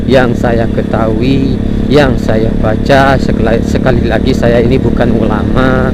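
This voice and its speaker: A man chatting casually as a motovlogger, speaking from inside a motorcycle helmet. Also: medium pitch. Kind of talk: casual chat while riding. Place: outdoors, riding a motorcycle. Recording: loud motorcycle engine and road noise.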